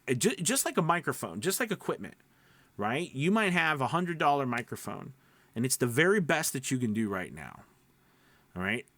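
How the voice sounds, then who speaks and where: A man speaks at medium pitch in a sing-song, fairly bright voice at a moderate pace, recorded with no echo. He's a voice-over coach and mentor who coaches informally and emphatically, rambling, stopping himself mid-sentence and often asking short check-in questions.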